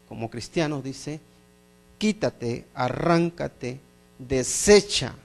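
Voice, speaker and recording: Emphatic middle-aged male preacher, higher voice. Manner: emphatic, repeats phrases in lists, asks the congregation questions. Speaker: pastor. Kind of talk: sermon.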